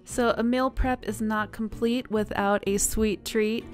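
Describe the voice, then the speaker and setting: A woman hosting a cooking channel, talking through each step in a relaxed, chatty voice-over with small laughs and fillers. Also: on the high side, unhurried. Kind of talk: friendly voice-over cooking instructions. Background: soft guitar music.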